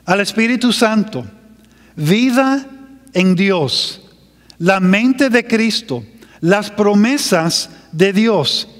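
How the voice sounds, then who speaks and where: Pastor, male, high-pitched, deliberate slow sermon delivery, echoing hall. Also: expressive.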